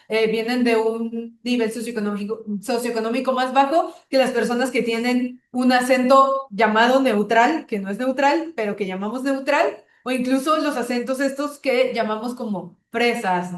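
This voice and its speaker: A woman's voice: on the high side, echoey room. A Mexican woman from Tabasco leading a workshop, explaining concepts and checking in with her listeners. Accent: Mexican Spanish. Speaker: workshop facilitator. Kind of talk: online workshop lecture.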